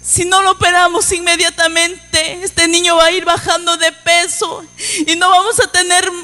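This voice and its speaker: A woman's voice: very high voice, level tone, normal speed, bright, forceful tone. A woman giving an emotional church testimony, tearful and pleading, often calling out to her listeners as brothers. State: crying at times.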